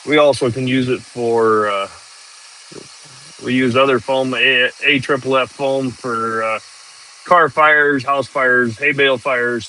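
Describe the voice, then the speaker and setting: A man's voice: mid-range voice, sharp tone, slight background noise, poor audio. A man, chatting casually and rambling on a live stream from a tractor cab, laughing easily. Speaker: farm worker livestreaming.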